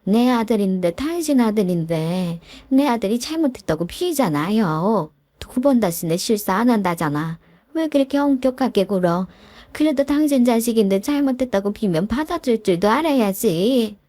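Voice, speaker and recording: A woman's voice: fairly high pitch, lively intonation, moderate pace, mellow, dry recording. A woman voicing an older mother-in-law who whines and defends her son in a told story. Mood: whiny defensive. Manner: whiny, defensive pleading. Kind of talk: storytelling with voiced characters.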